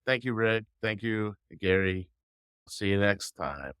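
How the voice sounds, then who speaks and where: A man's voice: on the low side, lively intonation, takes it slowly, fairly bright tone, clean tone, no echo, clean studio sound. A man hosting a casual podcast, curious and asking lots of questions.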